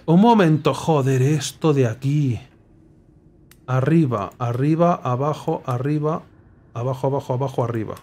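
A young man talks his way through a puzzle game, reading clues half to himself and breaking into sudden excited cries when something clicks. His voice sits at an ordinary middle pitch for a man, and the tone stays loose and conversational. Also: normal speed. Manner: thinks aloud, muttering clues, sudden excited exclamations. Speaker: gameplay streamer. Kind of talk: casual puzzle game commentary.

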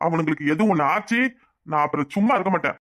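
A man's voice: on the high side, quick pace, fairly bright tone, natural voice. A man voicing a hot-headed, fiercely loyal young village man in his twenties in a cartoon, defiant and boastful. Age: 20s. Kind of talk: cartoon voice acting.

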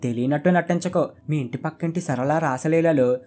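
A man's voice: fairly high pitch, moderate pace, a little mellow, soft background music, natural voice. Man doing a sneering lecherous village landlord. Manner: mocking, sneering. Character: lecherous middle-aged village landlord, sarcastic and scheming.

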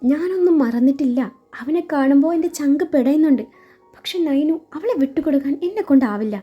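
Casting: defiant adoptive mother clinging to her child , a woman storyteller doing her, high-pitched and pleading, dull lo-fi with faint music. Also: animated, brisk. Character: fiercely protective adoptive mother.

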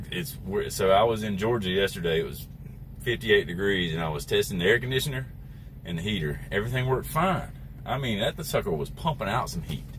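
A middle-aged American man, a trucker, records a plain-spoken, casual how-to inside his truck cab against background noise. His voice sits low and has a fairly bright tone.

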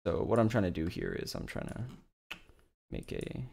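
A man casually talking to his stream chat while producing music, with relaxed, short asides to himself. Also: low voice, fast, gravelly, a little hiss or hum. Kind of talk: casual live-stream commentary while working.

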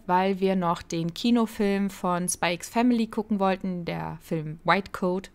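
A young woman narrating her convention vlog in a casual, chatty voice-over. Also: on the low side. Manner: relaxed, chatty recap. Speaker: vlogger narrating.

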